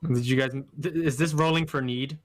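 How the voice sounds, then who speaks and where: A man's voice: on the high side, fairly even intonation, fairly quick, soft background music. A man playing a tabletop fantasy game, chatting casually with crude, irreverent joking.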